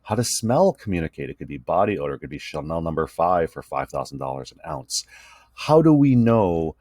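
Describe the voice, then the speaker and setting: A man's voice: low voice, big pitch swings, a little fast, darkish tone, dry recording. A man teaching a recorded lecture over slides, talking conversationally and often checking in with "right?". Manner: conversational, tag questions "right?" and fillers. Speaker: communication instructor.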